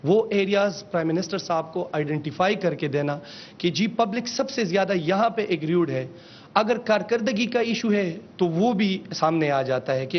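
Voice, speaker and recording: A man, a government official giving a formal press briefing on a system, mixing in English phrases and calling out each slide. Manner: mixes in English phrases, calls out slide changes. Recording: dull lo-fi with faint rumble.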